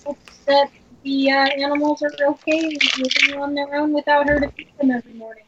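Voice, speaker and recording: A woman's voice: sits high, flat delivery, fairly quick. A woman chatting playfully and casually as a player in a tabletop role-playing game, on lo-fi audio. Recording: dull, lo-fi audio with noise.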